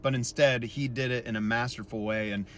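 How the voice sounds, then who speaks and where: A man in his thirties telling a self-deprecating story in a casual vlog, chatty and animated when he quotes people. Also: mid-range voice, brisk, slight background noise. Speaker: musician vlogger.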